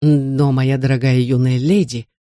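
Narrator playing Chrestomanci-type enchanter, polite, wry, drawn-out teasing, dry sound. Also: mid-range voice, level tone, no echo, voice pushed down, close to an everyday voice. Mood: courteous. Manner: polite, unhurried, gently mocking. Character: calm, wry, powerful enchanter. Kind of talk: audiobook character voice.

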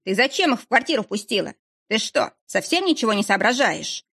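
A woman reading the part of a gruff, blunt middle-aged man in an audiobook, with a rough, drawling manner. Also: fairly high pitch, very animated, fairly quick, a bit bright, heavily acted. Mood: irritated.

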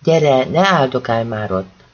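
A man's voice: mid-range voice, lively intonation, lo-fi sound, natural voice. A man doing a kindly old fatherly neighbor. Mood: coaxing.

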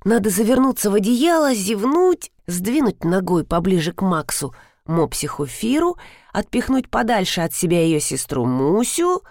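A woman narrating a first-person audiobook, telling the story with lively expression and voicing the dialogue herself. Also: mid-range voice, moderate pace, no room sound, studio quality. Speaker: audiobook reader.

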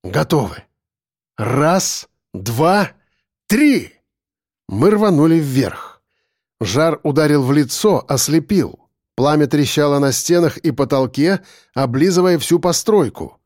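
A man narrating a first-person story as an audiobook, in an expressive, dramatic reading. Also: on the high side, a little slow, no room sound, studio quality.

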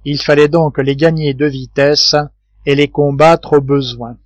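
A man reading a classic adventure novel aloud in a measured, steady narration. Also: fairly high pitch, dry recording. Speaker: audiobook reader. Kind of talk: scripted narration.

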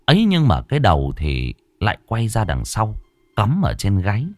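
A man's voice: lowish voice, wildly swooping pitch, moderate pace, dry recording, soft background music. A man narrating a horror story in a dramatic, suspenseful way.

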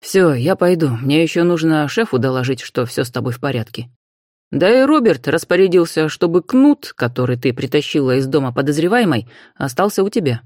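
A woman voicing a calm, soft-spoken male colleague in an audiobook. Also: low voice, fairly quick, no room sound, studio quality. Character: young man, calm colleague.

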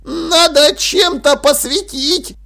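A man's voice: extremely high pitch, slow, vocal fry, bright, forceful tone, pitched above the performer's own voice, full character voice. A man voicing a timid, frightened old male embalmer who protests in strained, fearful cries, in an audiobook.

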